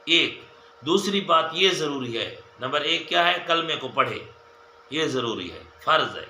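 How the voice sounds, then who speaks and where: Male religious teacher, sharp bright voice, goes over each point again and again, echoey room. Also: on the high side, animated, slight background noise. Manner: repetitive, enumerating points, addressing viewers as dear friends. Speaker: mufti giving a hadith lesson. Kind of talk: religious lesson. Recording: echoey room with faint ambience.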